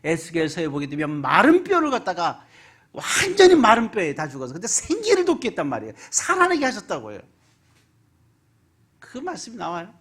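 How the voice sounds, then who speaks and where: Husky, animated preacher. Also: medium pitch, brisk. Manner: animated preaching with rhetorical questions, swinging between loud and hushed. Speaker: pastor. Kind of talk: sermon. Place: church sanctuary.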